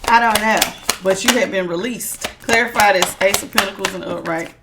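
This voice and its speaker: A tarot reader gives her viewers a casual reading in a strong, projecting, medium-pitched voice at normal speed. She sounds emphatic and authoritative, repeating phrases for stress, over heavy background noise.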